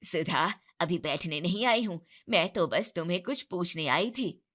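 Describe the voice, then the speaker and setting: A woman's voice: on the low side, animated, unhurried, a bit bright, voice pushed down. A woman voicing an older neighbor woman who speaks with motherly concern, in a storybook narration.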